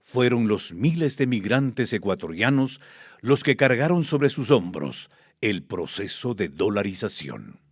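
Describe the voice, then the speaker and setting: A man explaining facts in a husky, expressive voice. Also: lowish voice, a little slow, no room sound, studio quality. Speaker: interviewee. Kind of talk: explanatory commentary.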